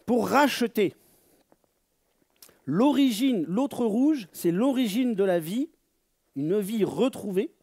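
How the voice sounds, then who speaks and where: A man giving a slow religious teaching, searching for words, repeating them and stressing key words loudly. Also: high-pitched, dry recording. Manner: reads Hebrew phrases aloud.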